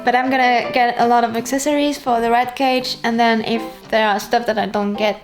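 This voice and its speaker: A woman's voice: on the high side, steady tone, brisk, music in the background. A young adult woman, chatting casually as a vlogger. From Switzerland. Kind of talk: casual vlog chat.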